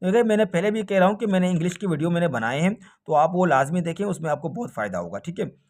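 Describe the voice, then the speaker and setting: A man's voice: sits high, lively intonation, fast talker, darkish tone. A man teaching a recorded grammar lesson for an exam, asking questions and answering them himself. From Pakistan. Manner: often ends points with a check-in "okay".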